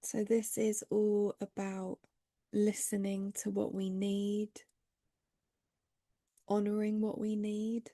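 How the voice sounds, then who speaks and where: Leaving long pauses, a woman leads a meditation very slowly and gently in a mid-range, completely flat voice. Her tone is mellow and breathy with a noticeable creak, sometimes dropping almost to a whisper, and there is no echo.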